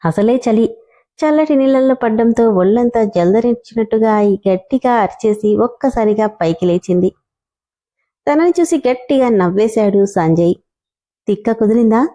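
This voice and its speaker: A woman storyteller reading a romance story with expressive, descriptive narration. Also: on the high side, moderate pace.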